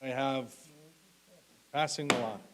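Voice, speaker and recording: At a live auction, a male auctioneer calls bids and lots in short, clipped, repetitive phrases, adding polite thanks and asides. His medium-pitched voice stays fairly even and he takes it slowly, with clearly audible background hiss.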